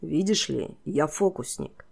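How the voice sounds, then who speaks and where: A woman's voice: low-pitched, animated, a little slow, vocal fry, a little mellow, breathy edge, heavily acted. Drawling, playful, unhinged king for an audiobook, voiced by a woman. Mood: mocking. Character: theatrical, unhinged male king, mocking.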